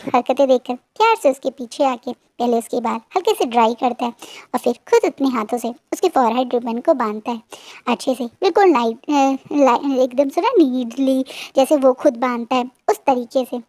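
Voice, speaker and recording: A woman's voice: sits high, normal speed, a little mellow, no echo. A woman casually retelling a fan-fiction story in a chatty, hesitant way with frequent fillers.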